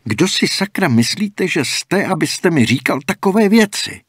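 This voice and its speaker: A man's voice: mid-range voice, animated, breathy edge, no echo, clean studio sound, pitched above the performer's own voice. A man voicing an impatient young male athlete in an audiobook, talking in a raised, exasperated and demanding way. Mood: irritated, impatient.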